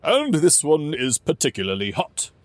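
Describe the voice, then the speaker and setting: High, loud, jolly dwarf king, storybook reading. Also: moderate pace, dry recording. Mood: eager host. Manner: booming, exuberant, excitable. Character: boisterous jovial male dwarf king.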